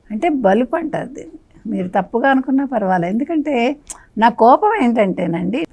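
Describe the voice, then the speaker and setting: A woman's voice: fairly high pitch, gravelly, a little mellow. A woman guest on a political talk show, scolding and firing off rhetorical questions, now and then slipping English phrases into her speech.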